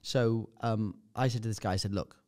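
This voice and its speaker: A man's voice: fairly low pitch, steady tone, brisk. A man, a podcast guest, telling a vivid anecdote in casual chat and swearing freely. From United Kingdom.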